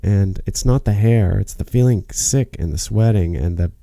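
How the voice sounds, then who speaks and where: A man talking to camera in a rambling monologue, frustrated and swearing, halting with many fillers and restarts. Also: lowish voice, gravelly, warm tone, no room sound. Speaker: vlogger.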